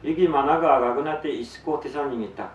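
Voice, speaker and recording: A man reciting a story theatrically in thick Tsugaru dialect, with drawn-out phrases and raised cries. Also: medium pitch. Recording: roomy, distant, noisy live recording.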